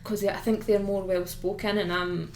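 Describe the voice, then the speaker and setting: A woman's voice: mid-range voice, little pitch movement, moderate pace. A young woman with a broad Fife Scottish accent hosting a casual podcast chat, chatty and giggly, full of "like". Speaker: podcast host. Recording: roomy echo with faint noise.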